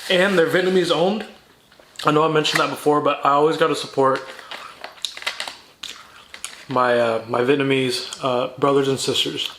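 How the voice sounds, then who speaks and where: A man's voice: on the high side, fairly even intonation, moderate pace, long pauses. A man food vlogger chats casually to his viewers between bites while eating crunchy fried chicken. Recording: roomy echo, faint noise.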